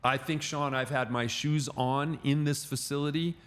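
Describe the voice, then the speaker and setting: A middle-aged man chatting casually on a podcast, telling animated stories with frequent restarts. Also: a little high, normal speed. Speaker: gym client and podcast guest. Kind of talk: casual podcast chat, storytelling.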